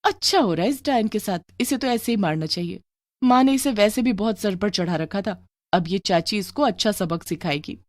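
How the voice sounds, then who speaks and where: A woman's voice: medium pitch, expressive, moderate pace, no echo, clean studio sound, natural voice. Snappy spiteful cartoon teen girl, taunting, woman voicing her. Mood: gloating. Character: spiteful quarrelsome teenage girl Mita.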